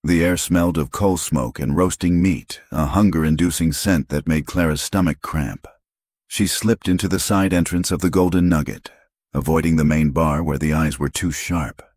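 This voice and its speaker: Low husky guy narrating a western audiobook, dry close mic, steady dramatic read. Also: moderate pace, dry recording. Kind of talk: scripted narration.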